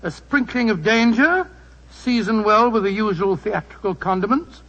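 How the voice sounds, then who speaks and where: High-voiced, chatty English Doctor Watson. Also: male voice, lively intonation, moderate pace, fairly bright tone. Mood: genial, playful. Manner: avuncular, hearty, rambling storyteller. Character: genial, chatty older English doctor recalling past adventures. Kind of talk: 1940s radio acting. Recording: muffled 1940s radio broadcast recording.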